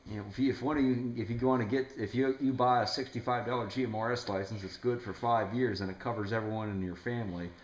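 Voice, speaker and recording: Speaking fast with few pauses, this man has a mid-range voice and fairly even intonation. He is a ham operator recording a video indoors at home, chatting loosely over the radio and rambling through his explanations. There's an echo in the room.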